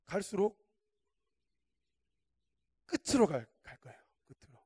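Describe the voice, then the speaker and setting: A man preaching a sermon as a guest speaker, chatty and colloquial, swinging from hushed asides to fervent shouts. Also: high-pitched, very animated, a little slow, breathy edge, no room sound. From Korea.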